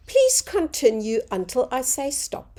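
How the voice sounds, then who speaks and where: A woman speaking as a phonics teacher to children, in the manner of a kids' show host, sounding out words with deliberate enunciation. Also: sits high, huge pitch swings, warm tone. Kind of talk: slow children's reading lesson, sounding out words.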